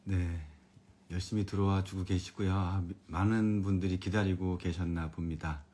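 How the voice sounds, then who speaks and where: A man, an elementary education expert, giving a friendly live-streamed lecture for parents in a calm, comfortable voice, chatting with viewers and reading out their comments. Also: low voice, normal speed.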